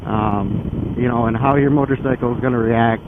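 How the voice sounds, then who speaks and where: A man's voice: medium pitch, steady tone, normal speed. Guy chatting on a motorcycle vlog, explaining stuff kinda rambly, phone-like sound, lots of outdoor engine noise. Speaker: motorcycle vlogger. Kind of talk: casual explanatory vlog while riding. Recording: phone-like band, loud wind and engine noise. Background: loud vehicle and outdoor noise.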